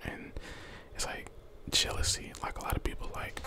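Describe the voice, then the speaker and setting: An American man in his twenties giving a casual, slangy, encouraging pep talk in an ASMR whisper close to the microphone. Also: normal speed. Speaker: ASMR content creator. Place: small bedroom, indoors. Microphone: close handheld desk condenser microphone.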